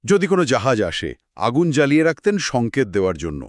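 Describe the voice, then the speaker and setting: Sing-song and fast-talking, this male co-host walks through history in a scripted two-person chat, using short, clipped clauses and wide pitch swings. Every so often a point becomes a musing question. He's recorded close and dry, with no room sound.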